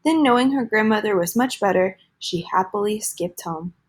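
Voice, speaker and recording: A woman reading a children's storybook aloud in a gentle, lively storytelling manner. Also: medium pitch, normal speed.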